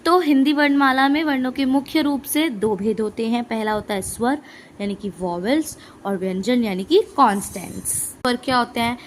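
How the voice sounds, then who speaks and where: High-voiced woman teaching a patient lesson. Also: normal speed, slight background noise. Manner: patient, repeats points with "है ना" and "ठीक है"; mixes English words into Hindi. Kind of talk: explaining Hindi grammar lesson.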